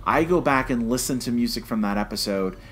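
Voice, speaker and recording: This man's mid-range voice comes out a little fast and a bit bright as he co-hosts a podcast, reviewing something with strong opinions. He stresses points by repeating phrases and tags on "okay?", over slight background noise.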